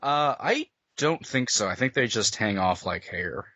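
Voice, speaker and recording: A man's voice: animated, measured pace, sharp tone, no room sound. A young man co-hosting a casual podcast, teasing with crude jokes. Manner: crude, teasing jokes with big pitch swings. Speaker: podcast co-host.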